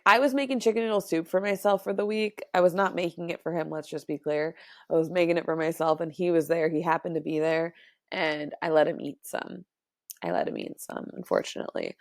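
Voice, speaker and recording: A woman with a lowish, gravelly voice hosts a casual podcast monologue. She retells a story with sarcasm and animation, scattering fillers and little laughs. The sound is close and dry. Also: no room sound. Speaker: podcast host.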